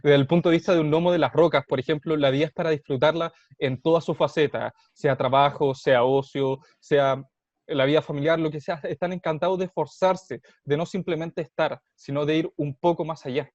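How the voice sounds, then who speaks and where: A man's voice: fairly high pitch, fairly even intonation, darkish tone, no room sound. Chilean man with a dull, dry recording. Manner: thoughtful, measured, with hesitations. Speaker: co-host. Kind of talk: explanatory roleplaying-game chat. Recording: dull, dry, muffled sound.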